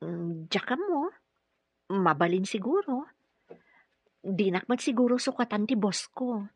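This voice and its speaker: A woman's voice: medium pitch, lively intonation, a little slow, breathy edge, dry recording. An actress playing an earnest, respectful, patient female caregiver in a radio drama. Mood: friendly, hesitant. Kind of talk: Ilocano radio drama acting. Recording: dull, lo-fi radio drama audio.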